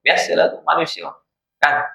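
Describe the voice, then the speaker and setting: A man's voice: a little high, steady tone, moderate pace, creaky, pushed and bright. A man with a Malaysian Malay accent giving an evening religious lecture, telling stories and checking in with his listeners. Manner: storytelling, rhetorical asides to listeners. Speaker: religious teacher. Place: madrasah prayer hall. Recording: echoey hall.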